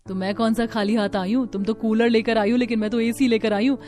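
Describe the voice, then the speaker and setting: A woman with a fairly high voice acts out the figures of an animated family story. She switches between them in an expressive, dramatic manner, with light music running underneath. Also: fast. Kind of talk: cartoon story voice acting.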